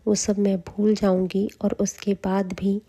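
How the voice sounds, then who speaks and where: A cold, proud queen, nursing an old grievance, read by a woman narrating a story recap. She speaks slowly in a dark, mellow tone with a flat line. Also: mid-range voice, breathy edge.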